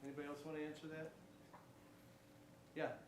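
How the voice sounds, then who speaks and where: A man directing a choir, introducing his singers at a concert in an easygoing, halting way with fillers. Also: a little high, completely flat delivery. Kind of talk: concert emcee remarks. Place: church sanctuary. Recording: echoey church, mic far off, noisy.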